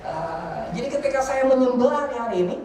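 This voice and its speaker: A man giving a lively, joking sermon testimony as guest preacher in a large church hall. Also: very high voice, brisk, a little hiss or hum. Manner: animated, joking, slangy. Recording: very echoey hall, voice from far off.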